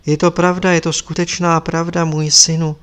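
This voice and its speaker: An eager, chattering middle-aged woman fusses kindly over others, voiced by a man reading a story. The voice is a little high for a man. It is a storybook reading. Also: flat delivery, fairly bright tone, clean tone, lightly acted. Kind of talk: audiobook character reading.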